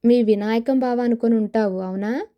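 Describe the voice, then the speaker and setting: A woman's voice: fairly high pitch, normal speed, muffled recording, lightly acted. A woman voicing a scheming young woman who coaxes her friend with persuasive talk, in an audio novel. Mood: coaxing. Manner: coaxing, persuasive.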